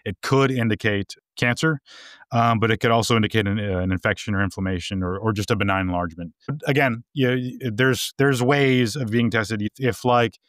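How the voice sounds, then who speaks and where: A man's voice: on the low side, brisk, fairly bright tone, no echo, studio quality. A man co-hosting a podcast in casual chat, telling stories with frequent laughs and restarts. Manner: chatty storyteller, laughs often, many restarts. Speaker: podcast co-host.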